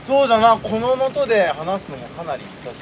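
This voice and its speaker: A man chatting casually and bluntly in rough, old-fashioned samurai-style Japanese, performing in costume outdoors. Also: high voice, very animated, fast. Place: outdoors in a park under a large tree. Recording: very noisy outdoor park with crowd.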